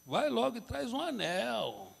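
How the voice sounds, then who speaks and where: A man doing a shrill, indignant wife. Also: wildly swooping pitch, measured pace, gravelly, full character voice. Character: exasperated wife, middle-aged woman, demanding and touchy. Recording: reverberant church hall.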